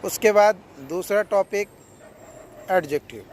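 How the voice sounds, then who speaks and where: A man's voice: high-pitched, unhurried. A man giving casual exam advice to students as a coaching teacher, repeating key points and checking in with "theek hai".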